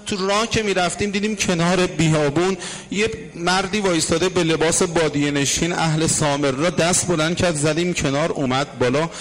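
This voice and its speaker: Male preacher, high voice, dramatic storyteller given to hushed asides and sung phrases. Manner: dramatic storyteller, drops to hushed tones and half-sung lines. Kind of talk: emotional religious storytelling sermon.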